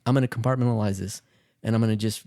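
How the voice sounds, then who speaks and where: A man's voice: on the low side, fairly even intonation, rapid-fire, mellow, no echo. A man co-hosting a podcast in a studio, speaking earnestly about a hard personal experience. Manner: earnest, telling of a hard illness. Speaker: podcast co-host. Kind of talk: casual chat.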